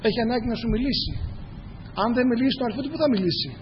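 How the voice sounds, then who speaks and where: His voice is very high as he preaches earnestly and repetitively to the congregation in front of him. Slight background noise sits under a dull, lo-fi recording made in an echoey hall.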